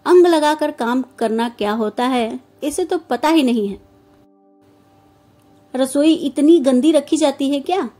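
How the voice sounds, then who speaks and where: A woman's voice: sits high, unhurried, warm tone, faint music behind. Woman voicing a fault-finding older mother-in-law. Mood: complaining. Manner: scolding, complaining.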